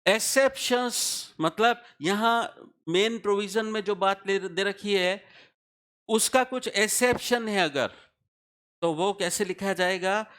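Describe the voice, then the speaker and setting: A man's voice: high voice, takes it slowly, fairly bright tone. A man teaching a tax law class, explaining step by step and often asking his students questions to check they follow. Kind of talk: classroom lecture.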